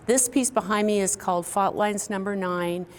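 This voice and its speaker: Middle-aged woman artist, thoughtful and unhurried, mid pitch, faint hiss behind. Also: fairly even intonation. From Kansas, US Midwest. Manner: reflective, conversational, with pauses and fillers. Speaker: quilt artist. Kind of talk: recorded artist talk. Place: indoor studio, quilt hanging behind her.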